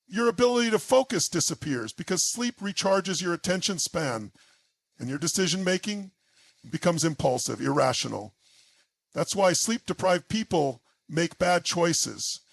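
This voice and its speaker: A man's voice: high-pitched, expressive, normal speed, gravelly, dry recording. A man giving an intense motivational speech in short, emphatic, punchy phrases. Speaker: motivational speaker.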